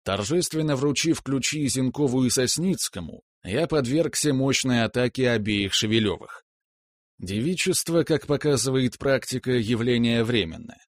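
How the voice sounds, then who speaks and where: A man calmly narrating a first-person story as an audiobook reader. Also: mid-range voice, normal speed, no echo, clean studio sound. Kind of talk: scripted narration.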